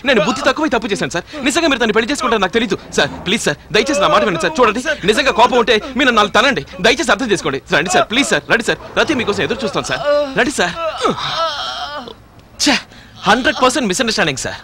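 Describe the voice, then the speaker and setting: A man's voice: sits high, big pitch swings, very fast, a crowd in the background. An actor playing a volatile, obsessive young man who swings from pleading to raging threats in a dubbed film. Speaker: film character.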